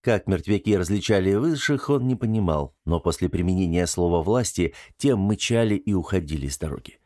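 Low-voiced male audiobook narrator. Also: animated, fairly quick, darkish tone, no echo, clean studio sound. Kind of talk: scripted narration.

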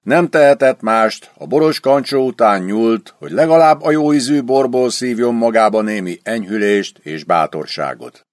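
A man narrating a historical adventure novel in an expressive storytelling reading. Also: medium pitch, few pauses, no room sound, clean studio sound. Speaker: audiobook narrator. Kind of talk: scripted literary narration.

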